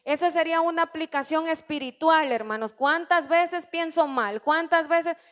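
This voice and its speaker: A high-voiced woman delivering a sermon at church. She speaks earnestly, asks the congregation questions and acts out short heartfelt prayers. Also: moderate pace, fairly bright tone. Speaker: preacher.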